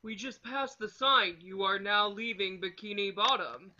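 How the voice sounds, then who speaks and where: A woman's voice: medium pitch, unhurried, bright, forceful tone. A woman voicing Patrick, a dim, childlike, whiny male starfish in a cartoon table read, on a lo-fi microphone. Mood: puzzled. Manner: whiny, simple-minded.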